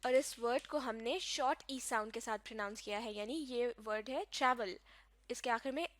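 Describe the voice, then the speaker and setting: Speaking a little high and a little fast, a Pakistani woman gives a recorded English grammar lecture. She works through it patiently, step by step, spelling out words letter by letter.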